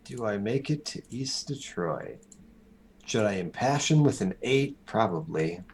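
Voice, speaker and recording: A man's voice: on the low side, animated, measured pace, a little hiss or hum. A man playing a tabletop game who makes dry, wisecracking remarks. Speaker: player.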